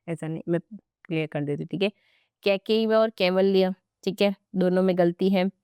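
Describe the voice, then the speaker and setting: A young woman teaching grammar for exam prep, chatty and playful as she talks to her students. Her voice sits a little low and smooth, recorded close in a dry room. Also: steady tone, normal speed, mellow, no echo.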